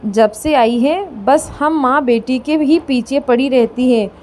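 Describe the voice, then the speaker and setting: A woman's voice: high-pitched, slow pace, a little mellow, slight background noise. Woman voicing a scolding older mother-in-law. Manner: scolding, taunting.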